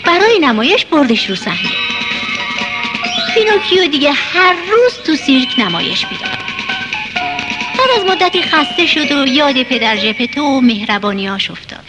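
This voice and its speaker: A woman narrating a children's storybook in a lively, expressive way. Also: sits high. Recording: narration over loud music.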